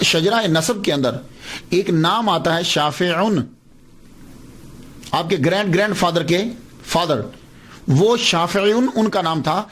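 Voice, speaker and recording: A man's voice: a little high, a bit bright. A man giving a patient, explanatory religious lecture, repeating words to stress how they are said.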